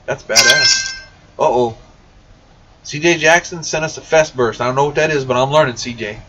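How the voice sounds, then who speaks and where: Hosting a relaxed Q&A stream for a CB radio shop, a man reads viewer questions aloud and addresses people directly in a blunt, casual way. His mid-range voice is husky, pushed and bright, at a moderate pace. A distant, dull mic picks up faint background noise.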